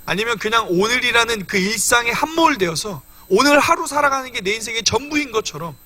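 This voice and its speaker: A man's voice: very high-pitched, expressive, a little fast, bright, forceful tone, dry recording. A young man preaching a midweek church sermon, earnestly explaining scripture and addressing the congregation directly. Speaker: evangelist preaching.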